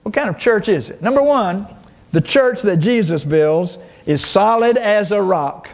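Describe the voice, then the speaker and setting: Man, pastor, high voice, preacherly, drawn-out emphasis, call-and-response. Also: animated. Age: older. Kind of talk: sermon.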